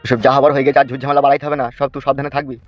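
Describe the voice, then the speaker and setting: A man voice actor in a family drama, hushing and pleading as he warns against more trouble. His lines come very fast. The sound is a little muffled, with soft music behind. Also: mid-range voice, monotone. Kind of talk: emotional village drama acting.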